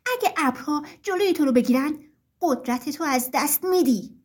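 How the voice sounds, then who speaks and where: A woman voicing a bold young boy who loudly challenges the forces of nature in a storybook. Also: high voice, animated. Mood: challenging. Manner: challenging questions, raised voice.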